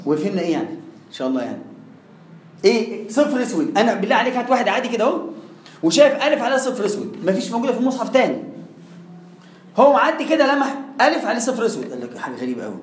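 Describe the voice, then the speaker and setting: A man with an Egyptian accent teaching Quran recitation rules in a lively way, talking straight to his students and demonstrating sounds. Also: high-pitched, reverberant, a little hiss or hum, poor audio. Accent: Egyptian Arabic. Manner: lively, addresses the listener directly, demonstrates sounds. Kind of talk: classroom lecture.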